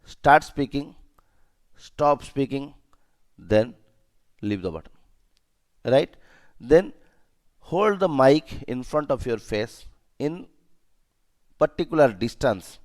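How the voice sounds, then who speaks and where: Speaking slowly with long pauses, an Indian-accented male trainer in safety and security uses a mid-range voice with lively intonation. The lesson is emphatic, with key ideas repeated and short check-in questions along the way.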